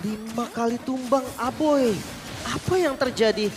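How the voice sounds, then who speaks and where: A man with an Indonesian accent giving excitable, colloquial live commentary on an esports match. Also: very high voice, a little slow. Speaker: esports shoutcaster. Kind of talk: live mobile game match commentary and analysis. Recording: loud music behind the voice. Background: music.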